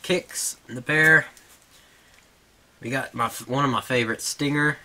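Chuckling through a casual home show-and-tell of his toy collection, this man keeps getting distracted and pausing to speak to his dog between items. He talks at a measured pace in a bright, forceful, medium-pitched voice.

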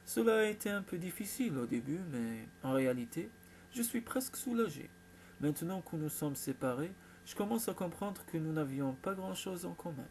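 Un homme qui fait une jeune femme posée. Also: male voice, on the high side, animated, moderate pace, a little mellow, slight background noise. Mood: posé. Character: young woman TV presenter, composed.

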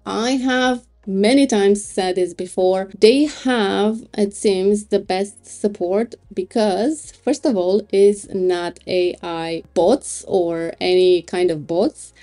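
A woman reviewing web hosting plans over a screen recording, thinking aloud in an unhurried way with small laughs. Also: medium pitch, fairly even intonation, mellow. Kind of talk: screen-recorded product walkthrough.

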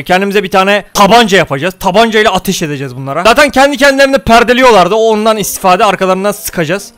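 Man, high voice, casual game commentary, excitable, talks to viewers, soft music behind. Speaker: gaming YouTuber. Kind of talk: casual let's-play commentary.

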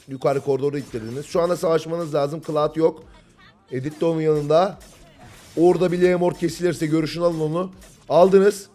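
A young man from Turkey giving live, excitable commentary on a mobile game match and calling out moves to the players. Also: fairly high pitch. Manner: excitable, yells at players when the fight heats up.

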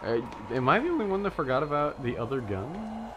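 A man's voice: fairly high pitch, very animated, a little fast, background noise. Man joking through game commentary. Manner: joking, teasing backseat gamer. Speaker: co-host of a gaming channel. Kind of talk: casual let's-play commentary.

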